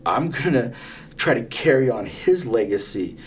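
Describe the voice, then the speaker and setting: A man of fifty talks earnestly as a podcast co-host, circling back and restarting as he tells stories. His voice sits at an ordinary middle pitch. A faint hiss runs under the recording. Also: big pitch swings, moderate pace. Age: 50s. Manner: earnest, repetitive restarts, storytelling. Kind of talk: casual podcast conversation.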